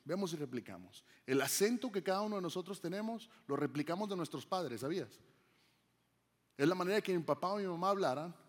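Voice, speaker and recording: A man's voice: fairly high pitch, long reverb tail. A man from Mexico preaching a sermon as pastor, conversational, throwing rhetorical questions to the congregation.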